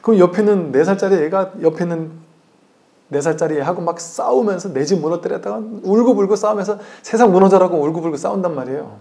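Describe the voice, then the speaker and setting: A man's voice: high voice, fast, gravelly, warm tone. A man, a Buddhist monk, giving a conversational dharma talk that acts out the voices in his stories and asks the audience questions. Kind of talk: sermon.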